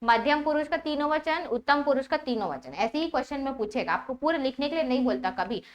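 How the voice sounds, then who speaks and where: Woman teacher, high voice, patient step-by-step classroom explanation, recites forms in drill rhythm. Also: lively intonation, fast talker. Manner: checks understanding with repeated "ठीक है?".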